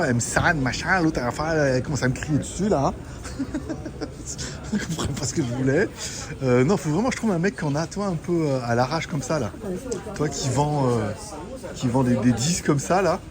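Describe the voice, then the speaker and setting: A man vlogging casually while walking through an electronics market, rambling, laughing often and swearing. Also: medium pitch. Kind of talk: casual walk-and-talk vlog. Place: busy electronics market, indoors. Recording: noisy market ambience.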